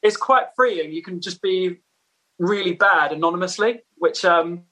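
Man, podcast guest from Essex, high pitch, bright tone, self-deprecating, slangy casual chat. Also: unhurried, poor audio. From Essex, England. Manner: laid-back slang, self-deprecating, giggly.

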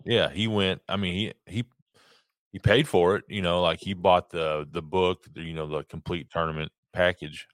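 A man with a low voice talks casually as a podcast co-host. The sound is dry, with hardly any room on it. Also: fairly even intonation, normal speed, no echo. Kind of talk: casual chat.

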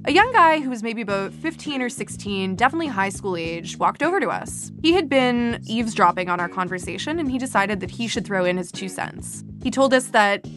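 A woman's voice: medium pitch, lively intonation, fairly quick, hardly any pauses, music in the background. A woman in her twenties from Canada, host of a podcast, reading scripted narration in a wry, casual, self-deprecating way. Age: 20s.

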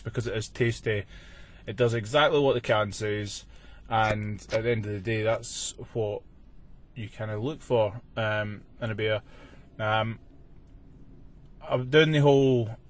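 A man's voice: medium pitch, slight background noise. A man hosting a podcast, reviewing beer in an informal, chatty way.

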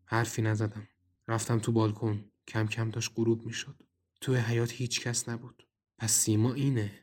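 A man's voice: fairly low pitch, level tone, darkish tone. A man narrating a horror audio drama in the first person and speaking his own character's lines in a tense, wary way. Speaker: narrator and writer.

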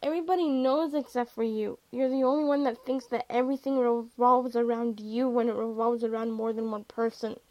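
A woman's voice: on the high side, fairly even intonation, fairly quick, hardly any pauses, warm tone, no room sound, natural voice. A woman voicing a blunt young man who speaks curtly and snaps at his friends. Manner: blunt, snappish.

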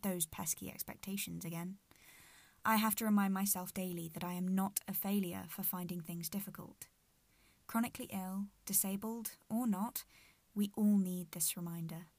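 A woman of nineteen narrates a reflective podcast in a measured, articulate way. She talks through gritted teeth, at a middle pitch, in a dry recording with very little room sound. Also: fairly even intonation, a little mellow, dry recording. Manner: speaking through gritted teeth from a sore jaw. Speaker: podcast host.

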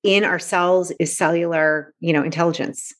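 Earnest woman in her forties, low voice. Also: steady tone, normal speed. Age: 40s. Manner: earnest, reflective, uses many fillers. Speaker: coach and author. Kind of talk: casual interview talk.

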